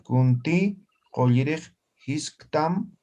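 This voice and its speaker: A male language teacher on a video call, with a mellow, warm voice and a faint hiss behind him. He is patient and slows down to spell out words, then checks often that his students follow. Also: a little high, animated, dull audio. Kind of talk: live online class.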